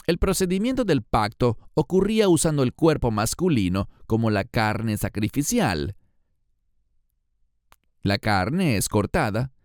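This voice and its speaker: A man giving a scripted Bible lesson in a measured, explanatory way. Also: medium pitch, darkish tone, clear, resonant tone, no room sound, studio quality. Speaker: Bible teacher.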